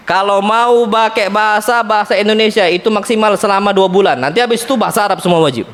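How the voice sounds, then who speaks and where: A man teaching an Islamic study lecture, speaking in a lively way, often calling his listeners "Pak" and weaving in Arabic terms. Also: high-pitched, fast. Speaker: ustadz. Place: Islamic center lecture hall.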